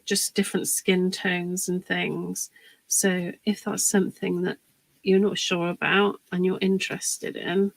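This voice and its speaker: A woman's voice: medium pitch, no echo, poor audio. A woman chatting to viewers in a live crafting demonstration, talking as she works. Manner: chatty and unhurried, talks while working.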